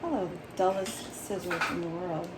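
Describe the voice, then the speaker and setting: A woman's voice: on the low side, fairly even intonation, normal speed. A woman dyeing a relative's hair at home, joking and exclaiming as she works. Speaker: family member dyeing the hair. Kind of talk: casual chat. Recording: roomy, with loud background noise.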